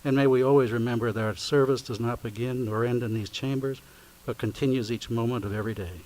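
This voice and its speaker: A man leading a formal spoken prayer at a county meeting, speaking at a lectern microphone in a solemn, measured, recited way. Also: mid-range voice, fairly even intonation, a little mellow, a little hiss or hum, poor audio. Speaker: invocation leader at a county meeting.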